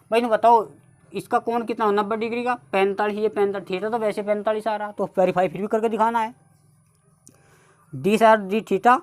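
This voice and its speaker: A woman with a North Indian accent teaching a maths lesson step by step, often addressing her students as children. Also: mid-range voice. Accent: Hindi-speaking North Indian. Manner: keeps addressing the class as "children", repeats steps slowly.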